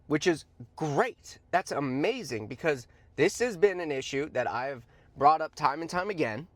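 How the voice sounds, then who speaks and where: With a voice on the high side, this host of a stock commentary show is expressive and unhurried, in a dry recording. He delivers casual, opinionated takes bluntly and emphatically, tossing in slang asides and repeating points to stress them.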